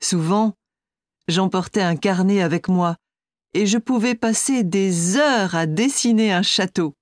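A woman's voice: medium pitch, unhurried, no echo, clean studio sound, lightly acted. A woman playing a composed architect. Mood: calm. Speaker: architect being interviewed. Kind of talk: scripted exam listening dialogue.

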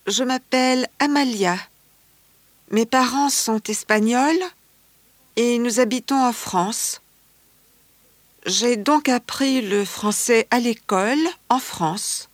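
A woman playing a cheerful teenage girl of Spanish parents living in France, speaking slowly and clearly for a language course. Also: on the high side, dry recording. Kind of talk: scripted language-course recording.

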